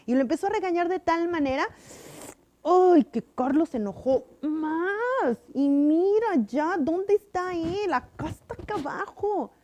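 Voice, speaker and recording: A woman giving an animated object lesson to children, often asking them questions. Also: high-pitched. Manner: animated, sing-song, asks kids questions. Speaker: children's church teacher.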